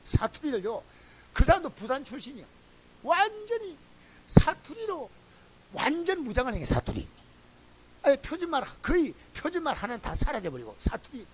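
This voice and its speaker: Preaching to his congregation with a very high voice at a normal pace, this man is a pastor who speaks with a Gyeongsang Korean accent. His sermon is full of folksy, lively storytelling.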